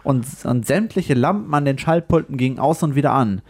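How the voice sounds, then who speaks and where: A man's voice: mid-range voice, animated, a little fast, a little mellow. Man reading a silly story aloud, stumbling. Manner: stumbles and corrects himself while reading, breaks off to joke. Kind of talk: comic read-aloud with banter.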